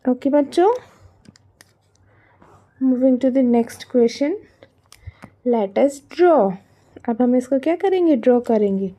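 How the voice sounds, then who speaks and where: A woman's voice: sits high, very slow, long pauses, dark tone, dull audio. A woman with an Indian accent teaching young children from a workbook, switching between Hindi and English, asking questions and answering them herself. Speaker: primary school teacher.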